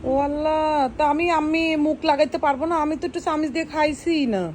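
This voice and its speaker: A woman's voice: high-pitched, fairly even intonation, quick pace, very noisy. A woman with a Bangladeshi accent chatting casually with her small child as a mother, teasing with exclamations of mock dismay. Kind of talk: casual family chat.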